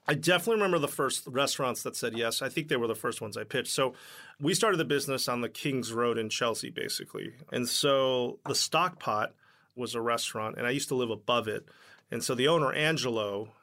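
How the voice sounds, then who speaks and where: A man's bright, forward voice carries a loose, chatty story about starting a company. He leans on "like" fillers and slips into quoted dialogue as he goes. The delivery feels casual and conversational. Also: mid-range voice, brisk. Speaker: startup founder, guest.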